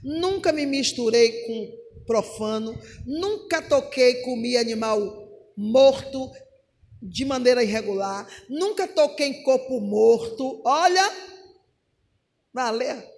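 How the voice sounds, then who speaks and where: A middle-aged woman, preaching a sermon, emphatic and swinging from loud to hushed. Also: fairly high pitch, lively intonation, slow, big-room sound.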